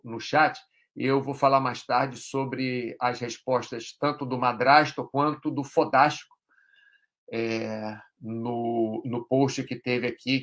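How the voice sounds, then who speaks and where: A man's voice: mid-range voice, fairly bright tone. A man hosting a live stream, explaining ideas casually in a rambling way, with frequent tag questions.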